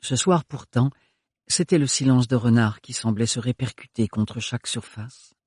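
A man reads a novel aloud as an audiobook, measured and steady in his delivery. His voice is husky and sits at a middle pitch, and the close recording is dry with no room sound. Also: no echo. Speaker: audiobook narrator. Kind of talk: audiobook narration.

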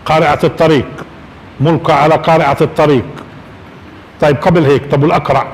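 A man's voice: on the high side, steady tone, fast talker. A man gives a religious lecture to a live audience, asking rhetorical questions and often chuckling. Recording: reverberant hall with faint noise.

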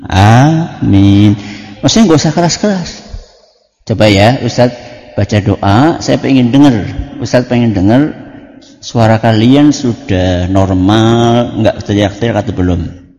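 A man's voice: fairly low pitch, normal speed, a little mellow. A man teaching a religious lesson to children, often stopping to quiz them with questions. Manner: quizzes the children with frequent questions. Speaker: Islamic teacher. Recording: long reverb from a large hall.

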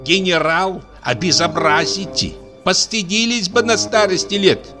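A man's voice: big pitch swings, a little slow, music in the background. A man voicing a coarse, reproachful elderly mother of the bride. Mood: scolding. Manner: shrill and reproachful.

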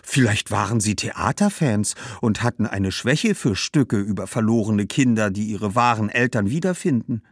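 A woman's voice: very deep voice, animated, moderate pace, few pauses, slightly rough, no room sound, clean studio sound, exaggerated voice. A man voicing Herodias, a weary Roman woman who meets news with disbelief. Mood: skeptical. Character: skeptical, weary Roman woman, quick to sigh.

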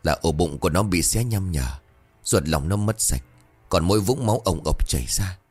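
A man's voice: normal speed, darkish tone, slightly rough, soft background music. A man voicing a tired, grim older village man. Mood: weary. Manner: tired, low-voiced.

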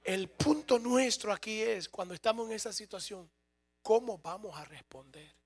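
A man's voice: high-pitched, normal speed, slightly rough. A man preaching a sermon as a pastor, humorous and speaking straight to his congregation.

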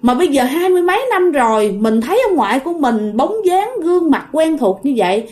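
A woman's voice: high-pitched, big pitch swings, a little fast, a little mellow. A woman with a Southern Vietnamese accent telling a ghost story in a chatty way, talking straight to her listeners. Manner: chatty, addresses listeners directly, frequent filler particles. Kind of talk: casual ghost story narration.

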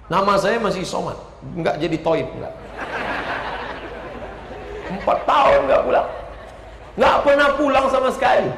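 A man from Indonesia preaching a lively, humorous sermon, joking with the crowd and shouting out lists for emphasis. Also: sits high, a little hiss or hum. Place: large hall with a stage. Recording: echoey hall with long reverb.

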